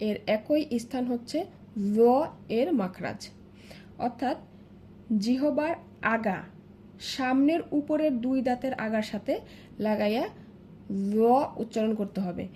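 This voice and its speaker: Woman teacher going through letters slowly, bit high voice, faint hum behind. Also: lively intonation, warm tone. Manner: patient, repeats each sound several times. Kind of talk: slow step-by-step lesson.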